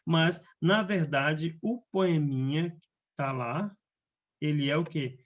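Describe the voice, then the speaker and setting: A man's voice: a little high, slow, lo-fi sound, slight background noise. A man with a Brazilian Portuguese accent, a teacher going over the answers in a casual remote lesson and checking in with his students all the time. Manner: chatty, keeps checking in with tags like "né?" and "beleza?".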